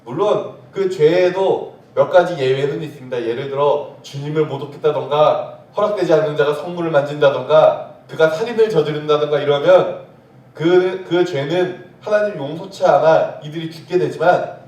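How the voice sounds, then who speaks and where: In a church sanctuary, a male pastor delivers a sermon, repeatedly putting questions to the congregation and answering them himself. His voice is on the high side and a little mellow, at normal speed, captured from far off in the echoey church.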